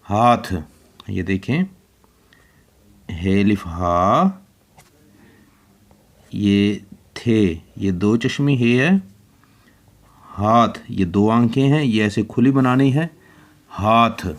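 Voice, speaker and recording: Slow, low-voiced man teaching children. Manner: slow, spelling out letters one by one. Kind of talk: handwriting lesson for children.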